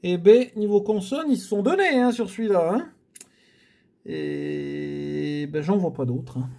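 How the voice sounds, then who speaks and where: A man comments casually on his scratch tickets, speaking to his viewers as if they sat beside him. He takes his time, his pitch rising and falling a lot, with frequent sighs and little groans when the letters don't come. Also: very animated, measured pace, warm tone. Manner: chatty, addresses viewers, frequent sighs and groans at bad luck. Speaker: scratch-card video host.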